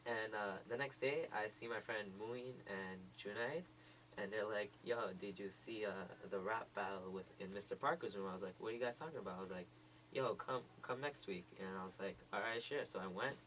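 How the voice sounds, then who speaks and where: A man's voice: lowish voice, a little fast, fairly bright tone, a little hiss or hum, rough recording. A teenage boy, a student rapper, talking casually in a radio interview and saying "like" constantly.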